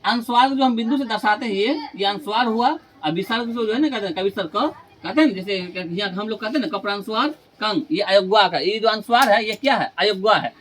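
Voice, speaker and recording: A man teaching Hindi grammar in a classroom lesson with students. He repeats each question and answer as a drill and stretches key terms slowly for emphasis. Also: high-pitched, fairly bright tone, a little hiss or hum.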